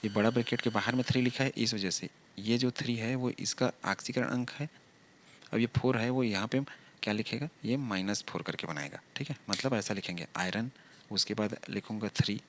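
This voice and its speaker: A man's voice: fairly low pitch, brisk, a bit bright, a little hiss or hum. A male chemistry teacher giving a lecture, talking through each step and asking the class rhetorical questions.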